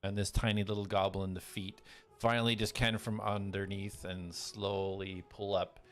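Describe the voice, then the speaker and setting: Low-voiced man running a tabletop game. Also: level tone, normal speed, a bit bright. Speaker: game master. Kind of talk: narrating a live tabletop fantasy game. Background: background music.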